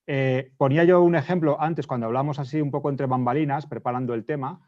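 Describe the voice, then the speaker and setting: A man from Spain with a Spanish accent, a panelist explaining his points in a casual discussion, often pausing to rephrase. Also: medium pitch, fairly even intonation, a little mellow. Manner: explanatory, restates points, frequent hesitations. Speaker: debate panelist. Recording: dull lo-fi audio.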